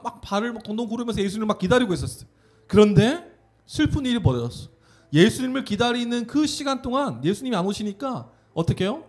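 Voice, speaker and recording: A man giving an animated children's sermon, telling a story and having the kids repeat words after him. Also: sits high. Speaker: children's pastor.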